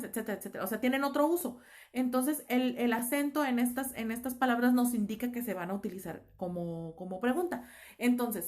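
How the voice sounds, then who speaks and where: A woman teacher with a Mexican Spanish accent, explaining a class lesson with many fillers and pauses. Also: fairly high pitch. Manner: explanatory, lots of fillers like "este" and "eh". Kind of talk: online class lecture.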